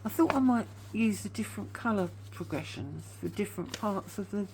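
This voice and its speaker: Animated and a little fast, a woman with a mid-range voice talks over background noise as a craft vlogger. A sore tooth gives her a slightly whiny edge while she rambles chattily through a casual craft show-and-tell, confessing that she's waffling.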